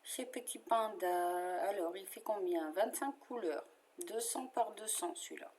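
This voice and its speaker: A woman's voice: mid-range voice, measured pace, a little mellow. A woman with a French accent chatting casually as she shows her favorite cross-stitch patterns, with fillers and little asides.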